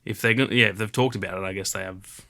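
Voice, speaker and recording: A man's voice: on the low side, racing. A man co-hosting a gaming podcast, chatting casually in a rambling way full of fillers. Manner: rambling, filler-heavy, animated retelling. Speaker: podcast co-host. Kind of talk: casual chat.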